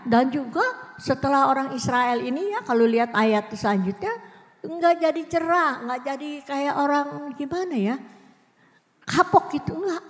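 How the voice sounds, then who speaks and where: A middle-aged woman teaching children a Bible story in a lively storytelling way, acting out the characters' lines. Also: in a large hall. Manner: lively storytelling, voicing characters' lines with big pitch swings. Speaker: Sunday school teacher.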